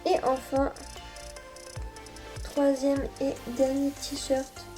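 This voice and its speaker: A woman's voice: high-pitched, completely flat delivery, very slow, warm tone, soft background music. A woman beauty YouTuber chatting casually through a haul vlog, hesitant and full of filler sounds.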